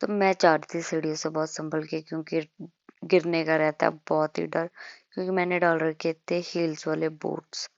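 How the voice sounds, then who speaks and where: A woman's voice: deep voice, level tone, moderate pace, creaky, no echo, dull audio. A young woman from India narrating her travel vlog in a chatty, self-mocking way, talking straight to her viewers. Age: young adult. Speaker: travel vlogger.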